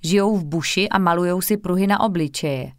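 A woman's voice: fairly low pitch, no echo, clean studio sound, close to an everyday voice. A woman doing a cheerful schoolboy. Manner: cheerful, chatty. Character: friendly schoolboy, cheerful classmate.

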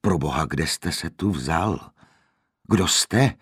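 A man's voice: very deep voice, expressive, fairly bright tone, slightly rough, no room sound, clean studio sound, heavily acted. A man doing a horrified, outraged father. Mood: frantic. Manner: agitated, exclaiming. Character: horrified, angry young father.

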